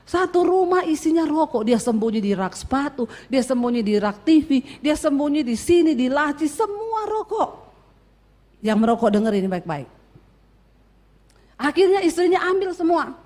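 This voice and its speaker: A woman's voice: sits high, normal speed. A middle-aged woman pastor preaching a sermon, telling stories and acting out dialogue, often calling out to the congregation. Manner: animated preaching, acts out dialogue, addresses congregation as saudara. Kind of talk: sermon with storytelling.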